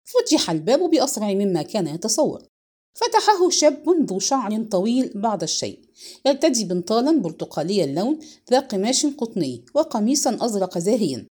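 A woman narrating a novel in a measured, expressive reading. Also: medium pitch, slightly rough. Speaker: audiobook narrator. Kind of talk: scripted narration.

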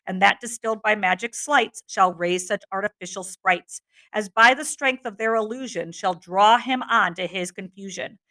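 A woman's voice: mid-range voice, moderate pace, sharp tone. A woman reading as a stern witch goddess. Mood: scolding.

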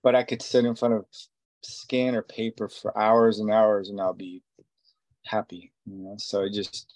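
A man's voice: fairly low pitch, little pitch movement, measured pace, a little mellow, dry recording. A man in his forties from Israel, a tattoo artist, talking casually in an interview and rambling with many fillers and restarts. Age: 40s.

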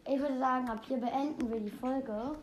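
A woman chatting excitedly while playing a video game, exclaiming often and rambling between facts. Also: high voice, moderate pace, highs cut off, a little hiss or hum. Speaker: game player. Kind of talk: casual gameplay commentary.

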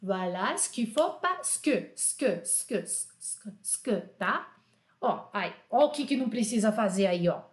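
A woman teaching French in an enthusiastic, chatty online lesson, repeating phrases slowly for learners to copy. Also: medium pitch, animated, roomy sound.

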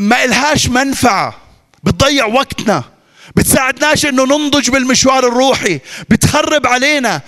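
A man's voice: very high voice, a bit bright. A male pastor with a Levantine Arabic accent, preaching emphatically and repeating his points with rhetorical questions. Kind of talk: sermon. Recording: long reverb of a large hall.

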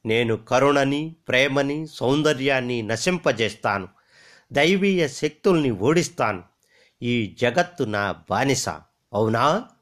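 A man's voice: mid-range voice, lively intonation, fairly bright tone, voice pushed up. A man voicing a boastful, cruel magic gem in a storybook reading, stretching out his words. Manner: boastful, drawn-out.

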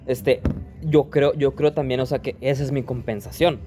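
A man's voice: medium pitch, fairly even intonation, moderate pace, dark tone, faint music behind. A man, chatting casually in slangy speech full of repeated restarts. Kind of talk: casual chat.

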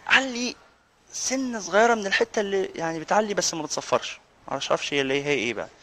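A man with an Egyptian accent lectures a live audience as a sheikh, rattling through his points at breakneck speed. His voice sits high for a man, and he keeps slipping teasing jokes in among the announcements. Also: pushed and bright. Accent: Egyptian Arabic. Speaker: sheikh giving a lecture course. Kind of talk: live religious lecture with banter. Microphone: handheld or stand mic, with some feedback whistle.

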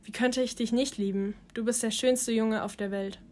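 A woman voicing a gentle, reassuring middle-aged mother in an audiobook. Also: on the high side, steady tone, normal speed, slight background noise, lightly acted. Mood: tender.

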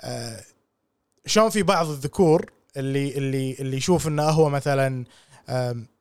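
A man co-hosting a casual podcast chat, animated and slipping English phrases into his talk. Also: medium pitch, a little fast, clear, resonant tone, no echo, studio quality. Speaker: podcast co-host.

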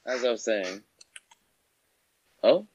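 A man's voice: mid-range voice, lively intonation, takes it slowly, a little mellow, slightly rough, dry recording, lo-fi sound. A teenage boy chatting on a video call, rambling and hesitant, often restarting his sentences. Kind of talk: casual chat over a video call.

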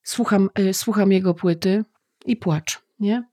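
A woman's voice: mid-range voice, a little slow, dark tone, slightly rough. A middle-aged woman co-hosting a podcast in casual chat, emotional and tearful, rambling with many restarts. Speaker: podcast co-host.

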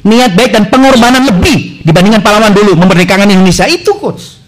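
Very high-pitched animated radio host man. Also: quick pace, poor audio. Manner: animated, teasing, exclamatory, interrupts. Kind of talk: lively radio interview.

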